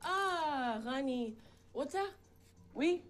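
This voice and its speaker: Film role: a chatty half-woman, high voice, unhurried broken English, music under. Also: animated, full character voice. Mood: friendly. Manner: broken English mixed with French words. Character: chatty warm half-French woman abroad. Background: film score music.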